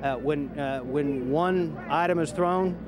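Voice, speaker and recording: A man's voice: on the high side, slow. Man reporting live among a crowd. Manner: hesitant, many fillers. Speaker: field reporter. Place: outdoors on a busy street. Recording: crowd noise around.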